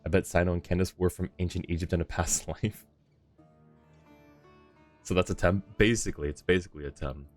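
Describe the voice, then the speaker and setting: This male streamer's voice sits low and runs a little fast, broken by long pauses. Hosting a game livestream, he chats and commentates loosely, musing aloud while game music plays behind him.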